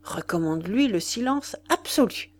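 A woman's voice: a little high, sing-song, normal speed. A woman reading aloud, voicing a scheming young man who confides a secret and later pleads with his mistress. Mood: confiding. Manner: confiding, then flustered and pleading.

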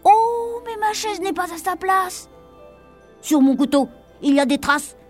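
A woman squeaking as an indignant little dwarf. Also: expressive, unhurried, soft background music. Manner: squeaky, outraged complaining. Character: young male dwarf, indignant and fussy.

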